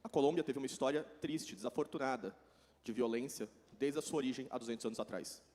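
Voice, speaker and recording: Fast-talking Brazilian man interpreting. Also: medium pitch, darkish tone. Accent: Brazilian Portuguese. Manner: rapid, running translation. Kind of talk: consecutive interpretation.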